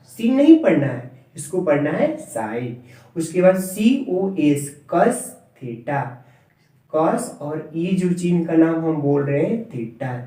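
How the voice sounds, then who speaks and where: A man's voice: fairly high pitch, warm tone. Male maths teacher, repetitive drilling style, distant echoey classroom sound. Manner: repetitive drilling, spelling terms out letter by letter. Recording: echoey room, voice far from mic.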